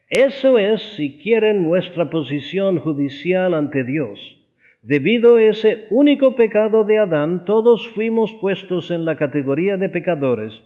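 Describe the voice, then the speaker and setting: A man reading a sermon aloud in an earnest, explanatory way, stressing key words. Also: sits high. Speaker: audiobook reader of a sermon. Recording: tinny phone-like audio.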